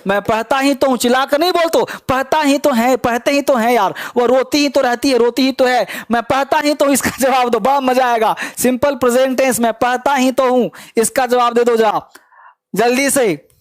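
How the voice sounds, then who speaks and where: Urging his students to respond quickly, a Bihari Hindi-accented man repeats his prompts and offers encouragement while teaching English online live. His voice is very high-pitched, and the audio is clean studio sound without echo.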